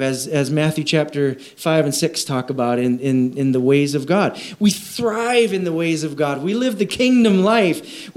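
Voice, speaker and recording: A man preaching a conversational sermon, animated, with frequent restarts and repeated words. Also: a little high. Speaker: pastor.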